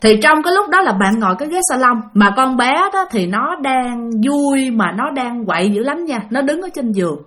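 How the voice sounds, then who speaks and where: A woman tells a spooky tale in a casual, chatty way and keeps addressing her listeners. Her voice sits on the higher side and moves through a very animated melody. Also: moderate pace, few pauses. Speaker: storyteller. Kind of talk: casual ghost-story narration.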